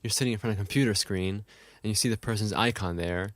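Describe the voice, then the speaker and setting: A man's voice: on the low side, fast talker, no echo, studio quality. A man co-hosting a casual podcast chat, teasing his co-host by mimicking his fillers. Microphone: remote call, Skype.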